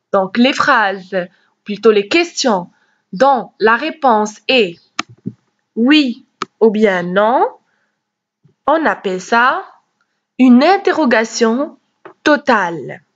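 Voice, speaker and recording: A woman teacher giving a grammar lesson, explaining slowly and carefully and acting out questions with rising intonation. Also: a little high. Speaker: French teacher. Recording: dull, lo-fi recording.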